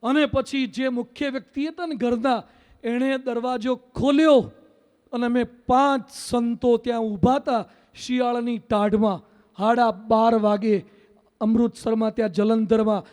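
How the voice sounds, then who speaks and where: A man, a monk, giving a seminar sermon as an animated storyteller who acts out the voices and shouts of people in his story. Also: very high voice, a little slow, in a large hall.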